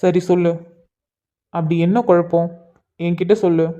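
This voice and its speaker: A man voicing a gentle, devoted young husband in a cartoon, coaxing and soothing his crying wife. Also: sits high, monotone, moderate pace, natural voice. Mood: soothing, tender.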